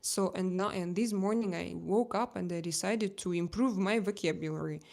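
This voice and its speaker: With a lowish, darkish voice touched by vocal fry, a Russian woman chats casually on her live stream. English isn't her native language, so she speaks haltingly with a Russian accent, often groping for the right word.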